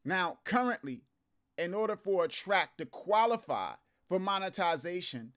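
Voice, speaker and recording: A man with a notably high voice hosts a casual live news commentary. He is feeling a bit sick and pushes on anyway. His delivery is informal and conversational, addressed straight to the viewers. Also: fairly bright tone. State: under the weather, feeling sick. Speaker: host of music business channel.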